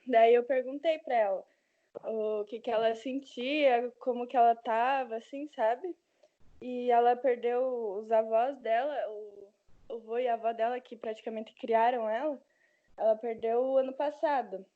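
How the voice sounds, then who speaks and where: A woman's voice: fairly high pitch, steady tone, a little slow. A young woman, a student in an online class, telling a story in a rambling way with many fillers. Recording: dull lo-fi online call audio.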